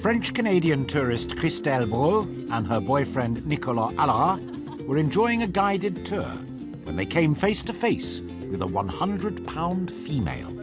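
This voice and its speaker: Dramatic nature documentary man, very lively pitch. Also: unhurried. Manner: dramatic storytelling. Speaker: narrator. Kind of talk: scripted nature documentary narration. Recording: loud music bed under voice. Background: music.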